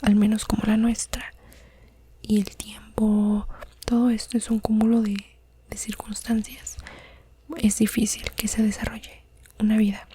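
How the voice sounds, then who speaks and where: A woman whispering under her breath in a soft-spoken ASMR podcast monologue, as its host. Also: medium pitch, little pitch movement, measured pace, pauses often, slight background noise.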